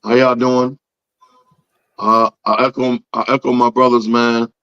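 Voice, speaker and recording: A man co-hosting a casual chat, his voice hoarse, raspy and strained, nearly gone. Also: mid-range voice, level tone, unhurried, sharp tone, dull audio. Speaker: podcast co-host. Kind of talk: casual chat among friends.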